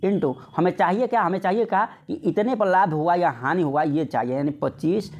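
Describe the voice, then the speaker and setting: In an informal exam-prep lesson, a man teaches maths step by step, repeating himself for emphasis and posing questions he then answers himself. His voice sits high with a darkish tone, and he speaks at a moderate pace.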